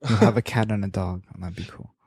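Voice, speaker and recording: Low-voiced man reading a countdown. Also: steady tone, a little fast, a little mellow, slightly rough, no room sound. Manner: reads out a countdown list, short replies. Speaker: podcast co-host. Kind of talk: casual podcast chat.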